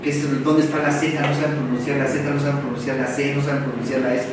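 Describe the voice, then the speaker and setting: A man with a Mexican Spanish accent giving a university seminar lecture, animated, full of rhetorical questions and colloquial asides. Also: mid-range voice, quick pace. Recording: echoey room, far from the mic, faint noise.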